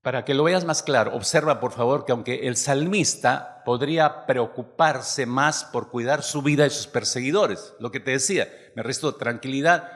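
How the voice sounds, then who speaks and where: A man's voice: mid-range voice, moderate pace, few pauses. A man preaching a sermon, often asking the congregation rhetorical questions. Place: church hall. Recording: long hall reverb.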